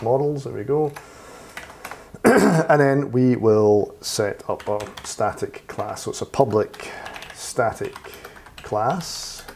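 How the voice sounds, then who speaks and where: A slightly hoarse man walks through a coding tutorial in a low voice. His tone is mellow and relaxed, and he thinks aloud with fillers while keys clack in the background over faint noise. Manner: talks while typing, thinking aloud with fillers and self-corrections. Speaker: programming tutor. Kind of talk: screen-recorded coding tutorial. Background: keyboard typing and clicks.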